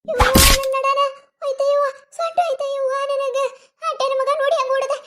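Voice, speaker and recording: In a very high, piercing, shrill voice, a woman plays a loud village wife in a cartoon comedy, speaking fast with a North Karnataka Kannada accent. She keeps scolding, mocking, and wailing, staying quarrelsome throughout, while heavy background noise fills the clip.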